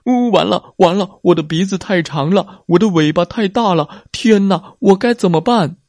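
A man's voice: mid-range voice, big pitch swings, measured pace, darkish tone, no room sound, studio quality. A man voicing a bossy, impatient young male anteater who scolds his little brother. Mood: panicked.

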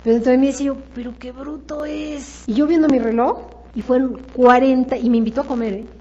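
Mexican woman, high voice, emphatic motivational sales trainer, slightly muffled recording. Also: steady tone, quick pace, warm tone. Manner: emphatic, repetitive, many rhetorical questions. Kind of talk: motivational seminar talk.

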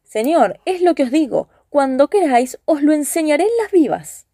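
A woman voicing a crafty, frightened young male cook who pleads and makes quick excuses. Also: very high-pitched, animated, warm tone, no room sound, clean studio sound, pitched above the performer's own voice. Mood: insistent.

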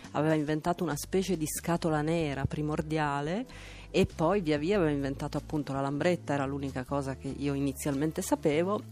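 A woman author and director speaks as a radio guest. She tells a family story at an unhurried pace, relaxed and reflective. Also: sits low. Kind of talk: radio interview.

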